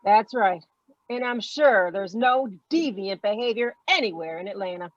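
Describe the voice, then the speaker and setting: An actress playing Brenda, a sharp, sarcastic adult daughter, in a stage play reading. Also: female voice, medium pitch, expressive, moderate pace, no echo, dull audio, natural voice. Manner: sarcastic, exasperated.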